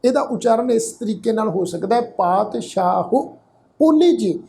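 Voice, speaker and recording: A man teaching scripture pronunciation, spelling out letters and vowel marks and then saying each word slowly. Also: extremely high pitch, expressive, creaky, dark tone, a little hiss or hum. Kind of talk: slow line-by-line scripture pronunciation lesson.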